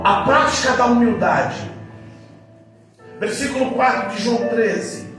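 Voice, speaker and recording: Brazilian preacher, hoarse-throated, dramatic and high-pitched, miked from afar in a booming church with faint music. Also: male voice. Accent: Brazilian Portuguese. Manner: animated, acting out scenes, jumping pitch. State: sore throat. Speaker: pastor. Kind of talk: sermon. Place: church hall. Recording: echoey hall, distant mic, faint music.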